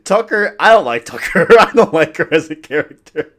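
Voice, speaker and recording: A man's voice: fairly high pitch, very animated, moderate pace, a bit bright. A man co-hosting a casual gaming podcast, talking animatedly in long runs full of "like" and "right?". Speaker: podcast co-host.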